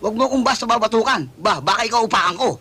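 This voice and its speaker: A touchy comic guy, fairly high voice, bickering tone, sitcom delivery. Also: rapid-fire, bright, forceful tone, a little hiss or hum. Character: touchy, comic young man, quick to bicker. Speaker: sitcom character. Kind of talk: sitcom acting.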